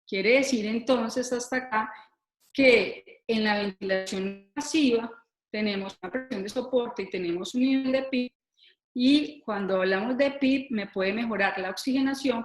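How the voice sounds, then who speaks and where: Woman lecturing over a choppy, breaking-up call. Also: fairly high pitch. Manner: patient, explanatory, corrects herself mid-sentence. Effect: choppy, breaking-up video-call audio. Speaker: lecturer on noninvasive ventilation. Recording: echoey room over a video call.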